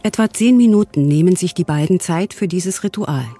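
A woman reporting for radio, narrating her story in a calm, informative way. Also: lowish voice, normal speed. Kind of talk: scripted reportage.

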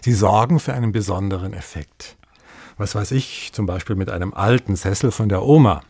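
A man's voice: fairly low pitch, normal speed, a little mellow, breathy edge, dry recording. A man, an expert colleague interviewed in the studio, explaining things chattily with everyday examples.

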